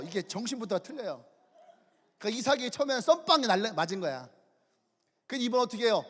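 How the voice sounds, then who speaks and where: A male pastor preaching an animated sermon, telling the story with shouted character voices and chuckles. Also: sits high. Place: church sanctuary. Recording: long church hall reverb.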